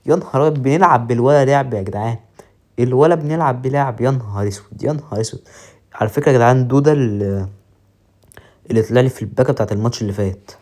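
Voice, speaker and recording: A man with an Egyptian accent commentating his own football game match with excited, joking play-by-play. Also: mid-range voice, very fast. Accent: Egyptian Arabic. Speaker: mobile football gamer.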